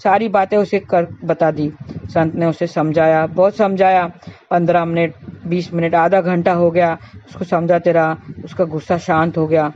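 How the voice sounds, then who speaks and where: A woman's voice: lowish voice, little pitch movement, normal speed, slight background noise. A woman telling a moral story in a preachy, repetitive way and addressing listeners as friends, in a slightly dull recording. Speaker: astrologer and storyteller.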